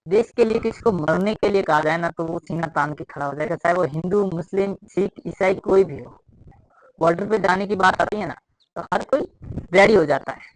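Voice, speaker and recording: High-voiced male teacher. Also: slight background noise, rough recording. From Rajasthan. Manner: repetitive, explains with many fillers. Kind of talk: casual classroom lecture. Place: room with a blackboard.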